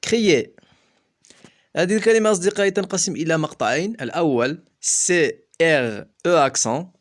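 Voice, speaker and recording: A man teaching French pronunciation, spelling words out slowly letter by letter. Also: a little high. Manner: slow, deliberate letter-by-letter spelling. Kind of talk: pronunciation lesson.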